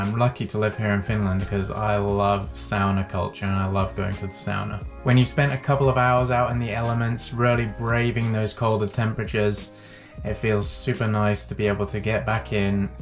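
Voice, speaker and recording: A man in his thirties chatting casually and quietly to a handheld camera while sitting in a small wooden sauna. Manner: relaxed, low-key, sitting still. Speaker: vlogger. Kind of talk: casual vlog chat. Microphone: action camera at arm's length.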